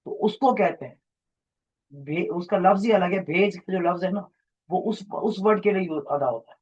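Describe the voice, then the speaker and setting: A man lectures a class, his voice sitting a little high. He explains at length, drifts from point to point and fires questions at his students. The classroom recording sounds muffled and lo-fi. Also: normal speed, husky. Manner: rambling, explanatory, quizzes students. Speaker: teacher.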